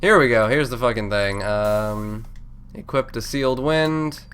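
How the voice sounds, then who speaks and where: A man with a stuffy, congested voice gives rambling, offhand commentary on a video game, breaking off mid-thought and swearing without restraint. He speaks a little slowly in a mid-range, fairly bright voice, over video game music.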